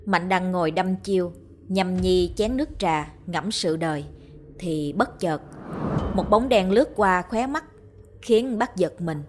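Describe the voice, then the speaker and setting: A woman storyteller reading a ghost story in a steady, measured way. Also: fairly low pitch, slight background noise. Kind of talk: scripted narration of a ghost story.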